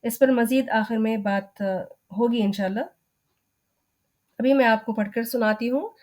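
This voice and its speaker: A woman's voice: fairly high pitch, fairly even intonation, unhurried, a little mellow. A woman teaching an online recitation lesson, explaining each term patiently and step by step.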